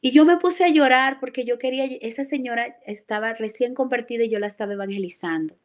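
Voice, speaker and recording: A woman with a fairly high voice gives a heartfelt church testimony in an earnest, emotional way. She circles back and repeats phrases as the memories come to her. She calls her listener "brother" as she speaks. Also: fast. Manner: earnest and emotional, often addresses the listener as "hermano"; repeats and restarts phrases as she recalls events. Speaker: church member giving a testimony. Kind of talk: live religious testimony.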